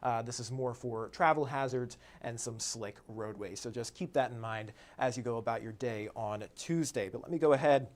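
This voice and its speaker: A man presents a live weather update as a meteorologist, talking in an easygoing, conversational tone. His voice sits at an ordinary middle pitch, and "uh" fillers often break up his sentences. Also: normal speed, hardly any pauses. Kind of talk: live-streamed weather forecast.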